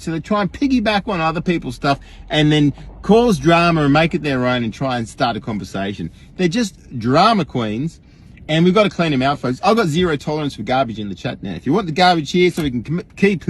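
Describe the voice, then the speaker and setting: An Australian livestream host with a fairly high, slightly rough voice speaks straight to his followers. He rants in a casual, wry way.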